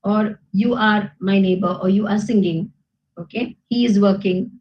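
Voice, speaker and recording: A woman with an Indian English accent teaches a grammar class in a mid-range voice with fairly even intonation and moderate pace. She explains patiently, checking understanding with frequent "okay?" and "isn't it?". The audio is dull with slight background noise.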